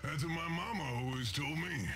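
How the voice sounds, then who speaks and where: A man playing a gravelly jovial demon merchant. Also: on the high side, fairly quick, natural voice. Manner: joking, mock-offended. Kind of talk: video game voice acting. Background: game music.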